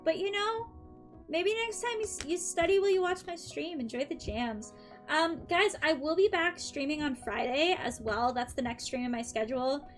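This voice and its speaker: A young woman, her voice sitting high and her pace moderate, chats casually with viewers on her stream between tarot readings while faint music plays. She sounds upbeat, says "um" a lot, laughs lightly, and her throat is a little dry.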